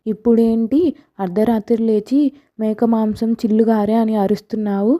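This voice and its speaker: A woman's voice: fairly high pitch, flat delivery, moderate pace, warm tone, close to an everyday voice. Woman voicing a scolding village mother. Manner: scolding, puzzled.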